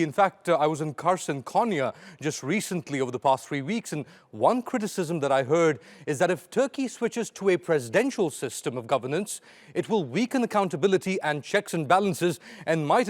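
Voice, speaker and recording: Male interviewer, slightly high register, formal deliberate questioning, articulate, hall-like reverb on the recording.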